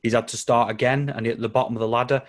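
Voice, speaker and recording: An English man co-hosting a casual football podcast among friends. He tells his stories in a chatty, easygoing way and laughs often. His voice sits at an ordinary middle pitch. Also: steady tone, quick pace. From England. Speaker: podcast co-host. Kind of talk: casual chat.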